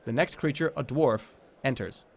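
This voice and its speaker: A man's voice: mid-range voice, normal speed, slight background noise. A man streaming a game, reading the story text aloud as narration and dropping informal, offhand commentary. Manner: informal, switches between dramatic reading and offhand asides.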